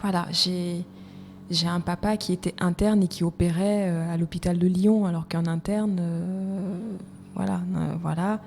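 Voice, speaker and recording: A woman's voice: fairly low pitch, steady tone, a little slow, darkish tone. A woman speaking as a podcast guest, reflective, often repeating phrases as she searches for words. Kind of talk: conversational interview. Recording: reverberant room with faint noise.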